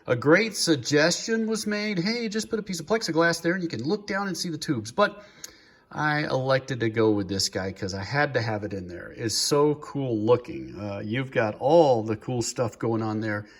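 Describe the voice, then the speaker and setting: Filmed on a handheld phone, this informal show-and-tell features a man with a medium-pitched, animated voice speaking at a normal speed. He walks through his hobby build in a chatty way, cracking light jokes.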